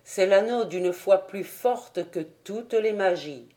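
A woman's voice: mid-range voice, takes it slowly, warm tone, natural voice. A woman reading the lines of an old male wizard bard in a grave, solemn manner in an audiobook.

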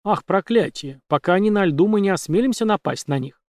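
A man's voice: high-pitched, animated, brisk, no room sound, clean studio sound, pitched above the performer's own voice. A man doing a terse, irritable covert leader. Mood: urgent, hushed. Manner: hushed, urgent.

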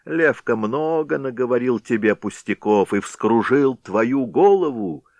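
A man's voice: medium pitch, expressive, measured pace, gravelly, no echo, voice pushed up. A man putting on a blustering, bullying village head. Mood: menacing. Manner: threatening, blustering shouts. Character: gruff middle-aged village head, jealous, bullying.

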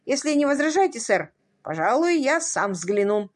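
A woman's voice: sits high, sing-song, normal speed, pitched above the performer's own voice. A woman voicing a stern, officious male police constable in a read-aloud story.

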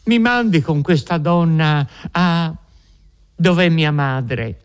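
A man's voice: a little high, slow pace, clean tone, voice pushed up. A man reading an audiobook, voicing a frightened young peasant woman who begs desperately in a trembling voice. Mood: pleading.

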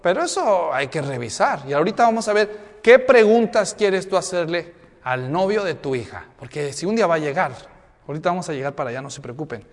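A high-pitched man preaches at a church conference, chatty and quick with rhetorical questions. His voice rings through a big auditorium with a long reverb tail. He sounds like a pastor talking straight to the parents in the room. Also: lively intonation. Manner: conversational, full of rhetorical questions and humorous anecdotes. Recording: long reverb of a large hall.

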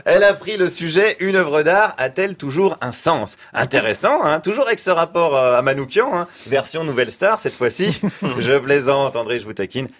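A man giving a comic radio commentary, teasing and ironic in a mock-serious tone. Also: medium pitch. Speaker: radio columnist doing street interviews. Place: radio studio.

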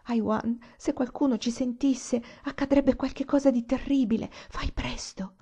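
A woman's voice: a little high, fairly even intonation, measured pace, warm tone, breathy edge, voice pushed up. A woman reading the lines of a shy, frightened young woman in love, often in a whisper. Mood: hushed.

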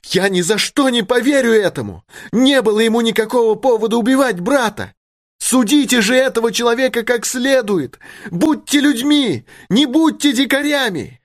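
A man's voice: very high-pitched, animated, normal speed, dry recording, clean studio sound, voice pushed up. A man voicing a spirited, indignant young woman in an audiobook, impassioned and pleading. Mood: pleading, crying out. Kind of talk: audiobook character reading.

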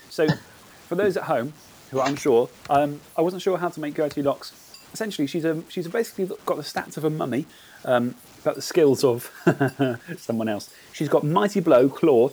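A man hosting a casual podcast, chatting in an animated way and explaining things at length. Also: fairly high pitch, normal speed, a little hiss or hum, low-quality recording. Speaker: podcast host.

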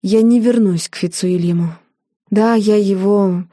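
A woman's voice: medium pitch, measured pace, dark tone, no room sound, clean studio sound, natural voice. A woman voicing a proud young woman who speaks earnestly and bites back sharply in a storybook reading. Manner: biting, earnest.

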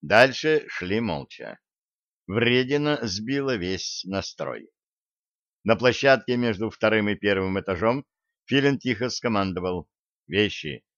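A man with a lowish voice reads a first-person audiobook in a wry, unhurried way. The recording is dry, with no room sound, and slightly muffled. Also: lively intonation, a bit bright, dry recording. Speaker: audiobook narrator.

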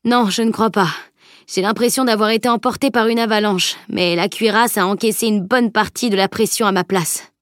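A burly male soldier speaks plainly and steadily in a storybook reading, voiced by a woman. The voice sits at a middle pitch and sounds close and dry. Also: steady tone, normal speed, a bit bright, no echo, natural voice. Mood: matter-of-fact.

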